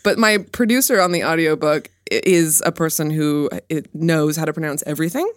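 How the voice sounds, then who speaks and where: A woman's voice: low voice, a little fast, no echo, studio quality. A woman talking as a guest author on a podcast, wry and self-deprecating in casual chat.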